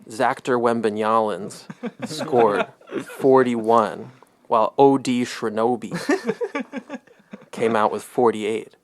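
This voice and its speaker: A man co-hosting a sports podcast, chatting casually, rambling and chuckling at his own stat jokes. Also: medium pitch. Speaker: podcast co-host.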